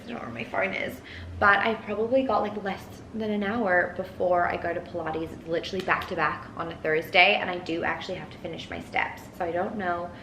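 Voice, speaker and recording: A young woman with a soft Edinburgh Scottish accent blended with Australian, chatting casually to her phone camera in a rambling vlog style. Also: mid-range voice, echoey room, slight background noise, poor audio. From Scotland, raised partly in Australia. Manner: chatty, rambling, frequent "like" and "you guys". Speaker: vlogger.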